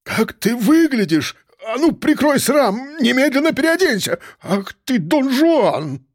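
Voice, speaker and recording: A male narrator voicing a gruff, overbearing middle-aged father who blusters and snaps. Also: medium pitch, lively intonation, measured pace, no room sound, clean studio sound. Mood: outraged. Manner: blustering, shouting, sullen.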